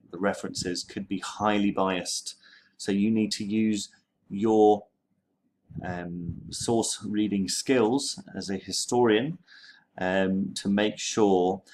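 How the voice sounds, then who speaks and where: A history teacher talks students through a screen-share tutorial with a lowish male voice. He keeps it relaxed and conversational, dropping in plenty of ums and okays as he goes.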